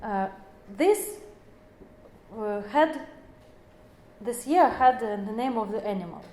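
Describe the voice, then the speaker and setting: A woman's voice: fairly high pitch, animated, takes it slowly, warm tone, slight background noise. Woman lecturing with phrasing. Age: 40s. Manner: non-native phrasing, many fillers and self-corrections. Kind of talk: explanatory lecture. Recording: echoey room.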